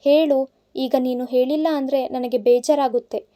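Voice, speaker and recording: A man's voice: extremely high pitch, fairly even intonation, moderate pace, warm tone. A woman voicing a drunk, heartbroken man in his twenties who rambles and pleads like a child. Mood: sulky. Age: 20s. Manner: rambling, sulky, innocent pleading. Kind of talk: audiobook character voice.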